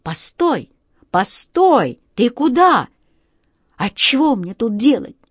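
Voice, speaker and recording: A woman voicing an excitable striped male cat wizard who talks fussily and gabbles shrilly when upset. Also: mid-range voice, slow pace, no room sound, studio quality, full character voice. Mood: pleading.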